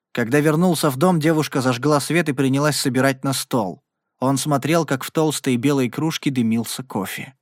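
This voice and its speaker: A man's voice: medium pitch, dry recording, studio quality. Man narrating a Western audiobook. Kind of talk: scripted narration of a Western novel.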